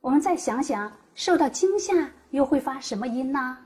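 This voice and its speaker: A woman explaining Mandarin tones as a teacher, demonstrating each tone with exaggerated pitch. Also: lively intonation, moderate pace, mellow. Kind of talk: scripted teaching dialogue.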